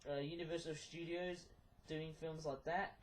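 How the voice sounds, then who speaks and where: Man, somewhat high voice, casual vlogger, rambling, hesitant, repetitive phrasing. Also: little pitch movement, normal speed, a little hiss or hum. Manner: rambling, hesitant, repeats himself. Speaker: YouTube vlogger. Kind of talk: casual rambling vlog to camera.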